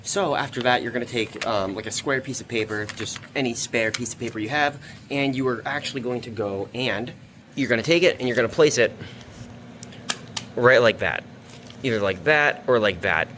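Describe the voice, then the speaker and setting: Speaking at a normal speed in a mid-range voice, a man hosts an easygoing craft tutorial vlog, wandering off into informal asides. It's recorded indoors in a basement, and background noise is audible.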